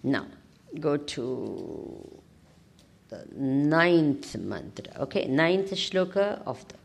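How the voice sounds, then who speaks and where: A woman with a South Indian accent giving an informal scripture discourse as a spiritual teacher, animated and often prompting her listeners with questions. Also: a bass voice, very slow, creaky, breathy edge. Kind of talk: informal scripture discourse to a class, with Sanskrit verses.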